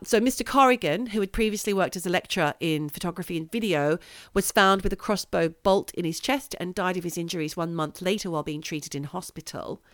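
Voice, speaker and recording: A woman's voice: on the low side, a little fast, a bit bright, no echo, studio quality. A woman co-hosting a podcast, recounting crime cases in a conversational way with playful interjections. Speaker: podcast co-host. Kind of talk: casual true-crime chat.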